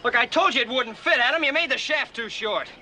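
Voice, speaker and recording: An actor playing a grumbling but game younger brother in a western drama, boyish in manner. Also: male voice, very high-pitched, a little fast, pushed and bright, a little hiss or hum, full character voice. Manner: complaining, boyishly eager once persuaded. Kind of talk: period western television drama acting.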